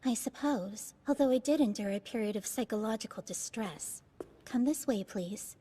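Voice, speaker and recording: A woman playing a polite young maid in an anime dub, speaking formally in a composed, deadpan way. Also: on the high side, moderate pace, a little hiss or hum, natural voice.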